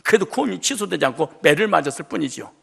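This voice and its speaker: A man preaching a sermon as pastor, emphatic and colloquial, often rising to loud outbursts. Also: fairly high pitch, big pitch swings, quick pace, vocal fry, slightly rough.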